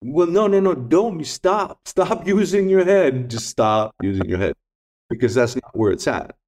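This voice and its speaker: Speaking unhurriedly in a fairly high, expressive voice with a darkish tone, a middle-aged Greek-native man tells stories and reflects conversationally as a podcast guest. His delivery is earnest and emphatic, and he repeats the points that matter most.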